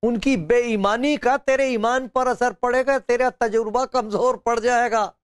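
An older male pastor preaches a sermon to camera from an indoor studio lined with bookshelves, wearing a lapel mic. His voice is extremely high and fairly even, a little slow, with a clean tone on a dry, studio-quality recording. He tells stories and acts out quotes with chuckles, laughs and gestures.

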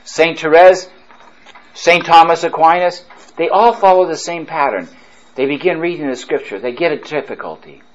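A priest preaching a retreat sermon, fervent and emphatic, drawing his phrases out slowly. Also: on the high side, lo-fi sound, a little hiss or hum.

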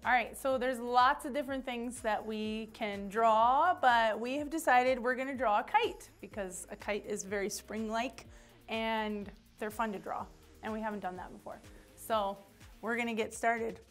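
A woman's voice: on the high side, moderate pace. A woman teaching a children's church lesson, chatty and encouraging, leading a drawing activity, with faint music behind. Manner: chatty and encouraging, with playful asides. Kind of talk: upbeat lesson for young children.

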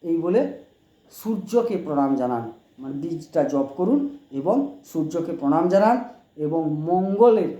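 A man, an astrologer, talking to viewers about horoscope remedies, explaining plainly and chanting mantras slowly and carefully. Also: on the high side, expressive, mellow, reverberant. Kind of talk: horoscope advice talk to viewers.

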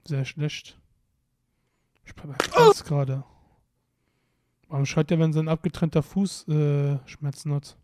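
A man's voice: fairly high pitch, unhurried, long pauses, a little mellow, slight background noise. A young man giving casual, playful commentary while playing a video game, often exclaiming and muttering to himself. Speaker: let's play commentator.

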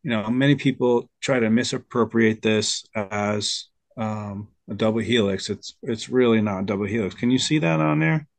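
A man's voice: on the low side, moderate pace, vocal fry, hardly any pauses, no room sound. A man hosting a casual video-call discussion, talking hesitantly with lots of fillers. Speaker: host.

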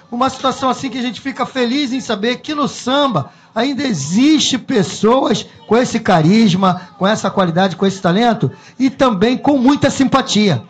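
A man's voice: high voice, slightly rough. A man, hosting a radio show and praising his guest effusively. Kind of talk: casual radio interview. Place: small radio studio.

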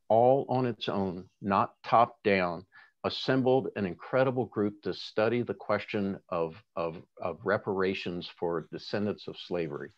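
A man's voice: on the low side, lo-fi sound. A man running for reelection as city attorney, speaking earnestly and passionately in an endorsement interview, often restarting his sentences. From Seattle area. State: tearful at times.

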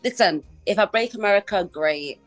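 Phoning into a video-call interview from her living room with a Christmas tree, a woman musician from England talks in a chatty way, laughing often and repeating phrases. Her mid-range voice is animated at a moderate pace, with faint music behind her.

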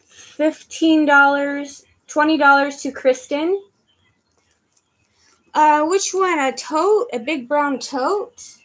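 Speaking slowly and pausing often, a woman with a high-pitched, steady, slightly bright voice hosts a live handbag auction online. She is in her fifties, sits in her living room facing a webcam, and chats through the bids while thanking viewers by name.

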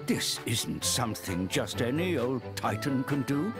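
A man's voice: mid-range voice, very animated, a little slow. A man voicing a small baby male Titan who talks like a grandfatherly old man, doting and old-fashioned, in game cutscene audio with music behind. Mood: fond, teasing.

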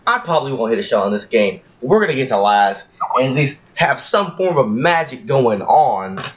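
A man's voice: big pitch swings, normal speed. Young man, chatty gameplay commentary. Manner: chatty, restless, erupts into high shouts of frustration. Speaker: gaming channel host. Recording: distant, roomy, slightly dull mic with faint hiss.

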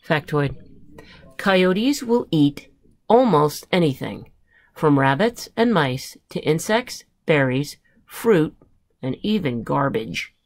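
A woman school librarian reading a picture book aloud to children, in an expressive, unhurried way. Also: sits low, dry recording.

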